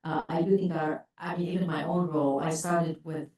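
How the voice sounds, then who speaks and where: Low-voiced middle-aged woman professor. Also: fairly even intonation, fairly quick, darkish tone. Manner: conversational, candid. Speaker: professor of obstetrics. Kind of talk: panel introduction. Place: conference hall. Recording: echoey conference hall.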